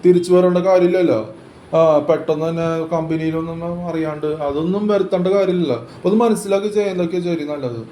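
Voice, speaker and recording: A man's voice: a little high, steady tone, fast talker, mellow. A man in a rambling, casual chat, repeating himself and restarting his sentences. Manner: rambling, repetitive, hesitant restarts. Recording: roomy echo with faint ambient noise.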